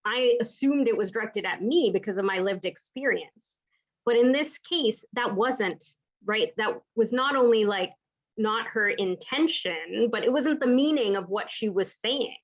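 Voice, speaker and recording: This woman's voice is a little high and comes through in lo-fi audio. A palliative care clinician from the US Pacific Northwest, she shares a story from her work in a reflective, conversational lecture style, often adding "right?".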